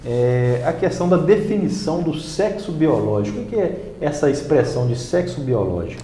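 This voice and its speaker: A man's voice: a little high, lively intonation, moderate pace, mellow, echoey room, a little hiss or hum. A man hosting a TV studio interview, asking short questions and recapping the answers. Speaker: TV host.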